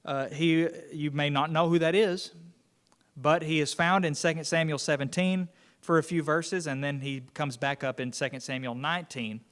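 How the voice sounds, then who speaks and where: A man's voice: a little high, steady tone, moderate pace, fairly bright tone. A man teaching an unscripted Bible class lesson in a conversational way, often restarting his sentences. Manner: conversational, many restarts and fillers.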